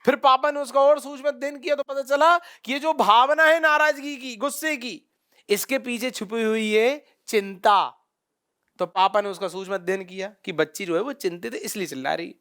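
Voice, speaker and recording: High-voiced, bright male lecturer. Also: moderate pace, clear, resonant tone. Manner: lively storytelling, addresses students directly. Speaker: teacher. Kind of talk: classroom lecture with acted-out anecdotes.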